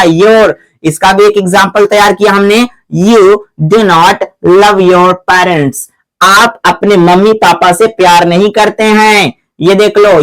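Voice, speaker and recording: A man's voice: high voice, fairly bright tone, poor audio. A man teaching English grammar in a video lesson, who keeps asking his viewers questions and answering them himself, calling them his children. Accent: Hindi-speaking North Indian. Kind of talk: classroom-style video lesson.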